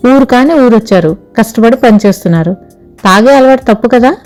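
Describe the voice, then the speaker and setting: A woman voicing a soft-spoken, patient middle-aged wife in an audio story, with a kindly but firm way of talking. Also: a little high, expressive, fairly quick, soft background music, pitched above the performer's own voice, natural voice. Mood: gentle coaxing.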